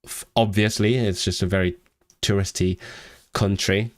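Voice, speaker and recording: A man from Hong Kong with a vague non-southern English accent, chatting casually on a language-learning livestream as he reads out comments, rambling, restarting words and jumping up in pitch when excited. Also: normal speed, no room sound, studio quality.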